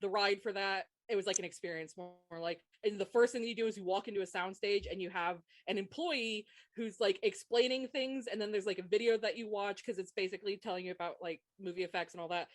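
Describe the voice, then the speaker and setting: A woman's voice: mid-range voice, fast, few pauses, no room sound. A woman co-hosting a casual podcast chat, teasing and laughing often. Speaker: podcast co-host.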